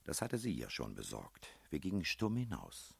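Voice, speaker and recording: A man reading a novel aloud in a measured, expressive storytelling manner. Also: a bass voice, gravelly, breathy edge, no echo. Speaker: audiobook reader. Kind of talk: literary narration.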